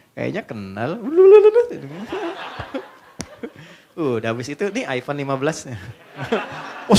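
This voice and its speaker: Middle-aged guy preaching, pitch bouncing all over, cracks jokes n quizzes the crowd. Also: slight background noise. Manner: jokey, quizzes the audience. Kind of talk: sermon.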